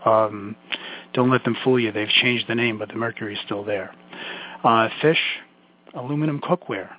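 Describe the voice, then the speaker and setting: A man with a Brooklyn accent giving an informal health lecture, addressing listeners directly in a folksy way with emphatic asides. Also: mid-range voice. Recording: muffled, phone-like lo-fi audio.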